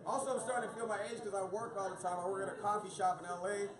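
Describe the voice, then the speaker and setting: A man's voice: high-pitched, steady tone, rapid-fire. A man in his thirties from Florida doing a profane stand-up set, telling stories and acting out the voices of people in them. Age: 30s. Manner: profane, storytelling, acts out quoted voices. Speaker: stand-up comedian. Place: small dark comedy venue. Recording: echoey room with loud crowd. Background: audience laughter.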